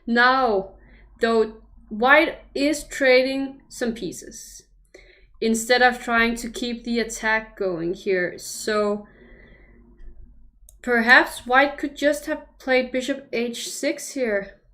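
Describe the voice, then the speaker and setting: Thinking aloud over chess moves during a live stream, a young woman from Denmark, a native Danish speaker, keeps breaking off and restarting hesitantly. She talks very slowly in a slightly high voice with a sharp tone.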